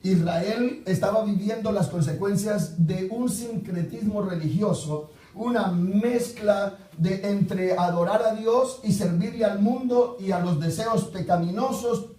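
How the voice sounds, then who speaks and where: A man preaching a sermon as pastor, repeating rhetorical questions and swinging between loud outbursts and low murmurs. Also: a little slow, hardly any pauses, roomy sound, recorded from a distance, low-quality recording.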